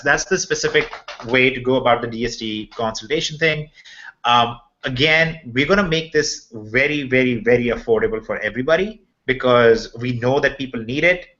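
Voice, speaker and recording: Bright-voiced man presenting on a video call. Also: medium pitch. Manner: on a video call, explaining to viewers step by step; checks in often with "okay". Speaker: presenter of a members' update webinar. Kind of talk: informal screen-share walkthrough. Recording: muffled, lo-fi video call audio.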